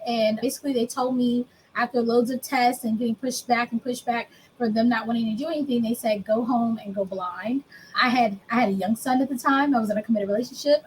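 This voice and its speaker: A woman's voice: on the high side, slight background noise, rough recording. A woman in her thirties from the United States, candidly telling her own story as an interview guest, plain and self-mocking. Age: 30s. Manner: candid, explains plainly, laughs at herself.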